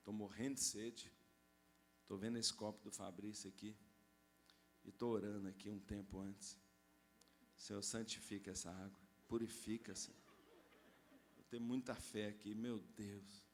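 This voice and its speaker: A man preaching a storytelling sermon, animated and conversational, joking with the congregation. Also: lowish voice, moderate pace, long pauses, a little hiss or hum. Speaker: pastor.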